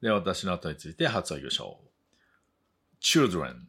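A man teaching English, reading a story line by line in two languages and then slowly modeling words for learners to repeat after him. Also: low voice, very animated, vocal fry, fairly bright tone, husky. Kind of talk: bilingual story reading and pronunciation drill.

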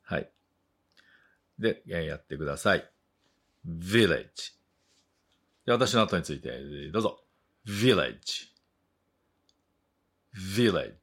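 A man teaching English, reading a story line by line in two languages and then slowly modeling words for learners to repeat after him. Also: low voice, animated, fairly bright tone, slightly rough. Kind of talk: bilingual story reading and pronunciation drill.

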